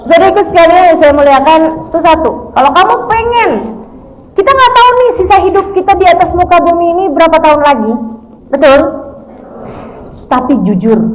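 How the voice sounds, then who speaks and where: A woman in her forties from Indonesia, an Islamic preacher giving a sermon to women, telling stories in a lively way and acting out what a husband and a wife say. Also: high-pitched, poor audio. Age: 40s. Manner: lively storytelling, acts out voices of husband and wife.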